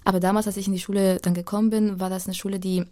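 A native Spanish speaker from Spain in her thirties, with a mellow mid-range voice, talks rapidly in a level tone as an interview guest. She shares personal stories casually and reflectively, in loose, searching phrases.

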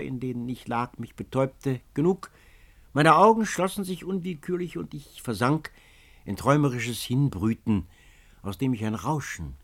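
Man voicing a young man, lovesick, anguished, impassioned, low-pitched. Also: creaky, heavily acted. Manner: impassioned, swelling and sinking.

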